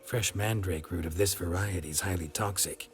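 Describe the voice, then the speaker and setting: An actor playing a weary, gruff male monster hunter, who talks in terse, clipped, muttered lines in video game dialogue. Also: sits low, normal speed, close to an everyday voice. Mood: dry. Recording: game audio with music underneath.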